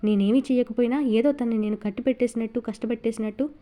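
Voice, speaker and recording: A contemptuous, taunting husband from an audio novel, heaped with scorn, as a woman reads him. The voice sits rather high and mellow, never harsh. It is a storybook reading, not a full character voice. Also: steady tone, fast, close to an everyday voice. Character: cruel sneering middle-aged man, abusive husband.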